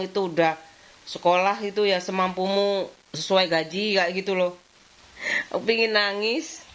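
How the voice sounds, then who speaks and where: A woman's voice: medium pitch, a bit bright. A middle-aged woman with a Javanese-tinged Indonesian accent, rambling casually at home in a vlog, with frequent laughs and repeated filler phrases. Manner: rambling, repeats "kayak gitu", laughs often. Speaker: vlogger and housewife. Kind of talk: casual chatty vlog monologue. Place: at home while tidying.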